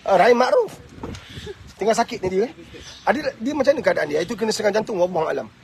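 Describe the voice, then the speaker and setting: A man with a Malaysian Malay accent hosting a live advice talk, answering viewer questions in an animated, preachy and teasing way. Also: sits high, fast, creaky, slight background noise. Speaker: host giving advice.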